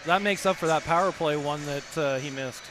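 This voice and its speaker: A man giving relaxed, chatty color commentary on a hockey game. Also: a little high, normal speed, over music.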